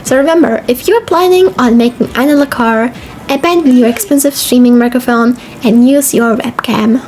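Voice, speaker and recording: A young woman, a video essay host and streamer, gives an informal, scripted narration, sometimes stumbling over long words. Her fairly high, slightly mellow voice moves at a moderate pace, with background music and slight background noise.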